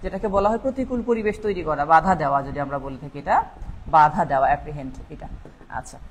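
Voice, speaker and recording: In a deep voice, speaking fast, a woman leads a live online spelling class to prepare students for an English exam, with a little hiss or hum in the audio. She says every word several times over and spells it letter by letter.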